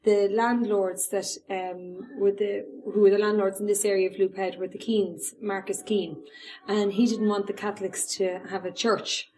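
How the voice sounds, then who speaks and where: A woman's voice: medium pitch, level tone, darkish tone, a little hiss or hum, poor audio. Irish woman telling local history, hesitant and informal. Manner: hesitant, pausing storytelling. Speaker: local storyteller.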